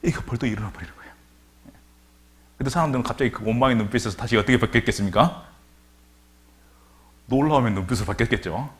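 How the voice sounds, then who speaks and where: A man's voice: mid-range voice, fast, long pauses. A man preaching a sermon as pastor, retelling scripture dramatically and asking the congregation rhetorical questions.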